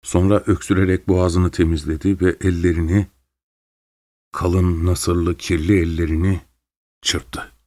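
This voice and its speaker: A man narrating a story in a calm, measured reading voice. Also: low voice, no room sound.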